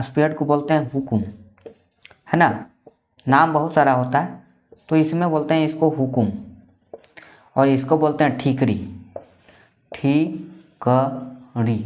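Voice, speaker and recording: A man explains a maths lesson in an easygoing classroom way. He repeats each point and keeps asking questions that he answers himself. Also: a little high. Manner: repetitive, asks and answers own questions. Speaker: maths teacher.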